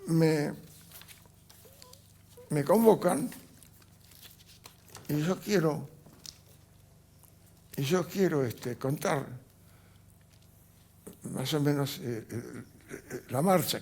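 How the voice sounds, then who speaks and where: Appearing as a guest in a TV studio, an older Holocaust survivor recounts his life story as personal testimony. His voice runs on the high side, gravelly and husky, and his memories come out haltingly, full of restarts and fillers.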